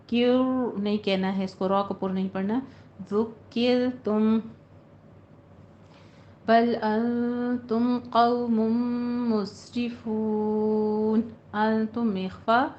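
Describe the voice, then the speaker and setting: A woman teaching tajweed, reciting verses slowly and then explaining each recitation rule in brisk speech. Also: mid-range voice, darkish tone. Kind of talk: tajweed lesson with slow recitation. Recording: dull lo-fi recording with faint noise.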